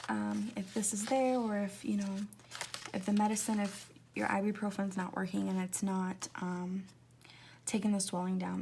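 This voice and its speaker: A planner vlogger in her twenties chats casually, rambling and confiding, laughing often and slipping into soft whispers as she decorates her planner. Her mid-range voice is gravelly, and there's a little hiss or hum in the recording.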